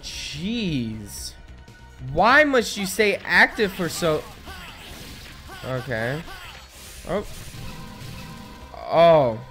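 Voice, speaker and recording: A man's voice: fairly high pitch, sing-song, drawn-out words, pauses often, bright, forceful tone, faint music behind. A man giving casual, self-deprecating commentary while he plays a video game, muttering at the game as he goes. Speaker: let's play gamer.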